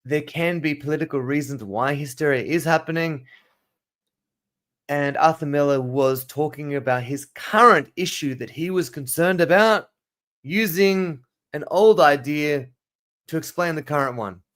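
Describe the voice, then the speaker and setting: A man's voice: fairly high pitch, unhurried, a bit bright. A man with a mixed South African and Australian accent teaching a casual livestream lesson, rambling and correcting himself as he goes. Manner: rambling, digressive, self-correcting. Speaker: teacher hosting a live study session. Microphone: camera mic.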